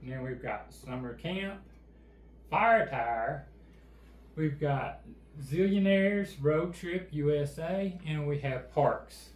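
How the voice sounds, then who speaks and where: In an echoey indoor room with a game table, a backdrop, and faint background noise, a middle-aged co-host speaks slowly in a fairly high voice. His manner in the casual channel chat is easygoing and plainspoken.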